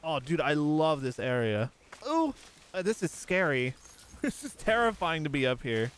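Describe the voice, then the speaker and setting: A man giving excitable, casual gameplay commentary as a streamer, yelping, laughing and swearing over loud game sounds. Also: a little high, moderate pace, slight background noise. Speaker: gaming streamer.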